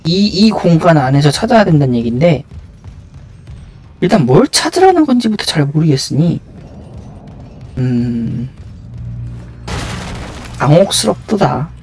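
A man's voice: sits high, a little mellow. A man giving casual live video game commentary, muttering and thinking aloud to himself as he plays.

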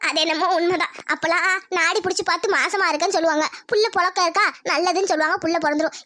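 A woman's voice: very high voice, a bit bright. A woman voicing a bossy but caring older village woman neighbor in a cartoon, scolding and motherly. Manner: scolding, motherly, dialect-heavy. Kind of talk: cartoon voice acting.

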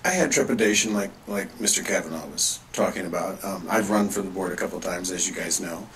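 A man's voice: sits low, a little fast, gravelly, a bit bright, slight background noise, rough recording. Plainspoken man at a public comment mic. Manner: plainspoken, conversational. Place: public board meeting room. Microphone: standing podium mic.

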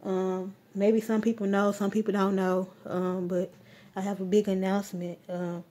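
A woman vlogger chats casually through a grocery haul at home, filming on a phone she holds in her hand. Her mid-range voice is flat at a moderate pace, and she rambles with lots of ums and warm shout-outs.

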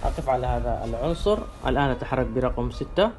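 Male software instructor, average pitch, halting step-by-step delivery, faint background music. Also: animated. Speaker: tutorial presenter. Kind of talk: step-by-step spoken software demonstration.

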